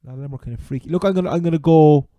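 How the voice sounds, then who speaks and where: A man's voice: on the high side, rapid-fire, no room sound, highs cut off. A man with an Irish accent from Cork, co-hosting a casual chat about sport. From Ireland. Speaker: sports podcast co-host.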